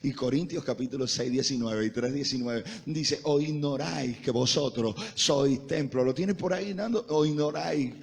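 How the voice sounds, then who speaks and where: A man's voice: medium pitch, normal speed, creaky, hardly any pauses, slight background noise. A man preaching a sermon to a congregation in a church, impassioned and emphatic, having listeners repeat phrases after him. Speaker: pastor.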